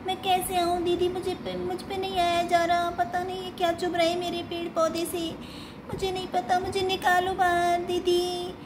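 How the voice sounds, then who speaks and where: Whiny little girl doll in a doll story, woman voicing, very high, noisy recording. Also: completely flat delivery, moderate pace. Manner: whiny, pleading. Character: small timid girl doll.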